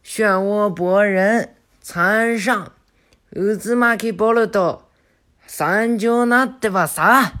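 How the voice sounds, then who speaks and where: A narrator yelping as a cheeky young boy ninja. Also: slow. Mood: proud shout. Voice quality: high, shouted yelps.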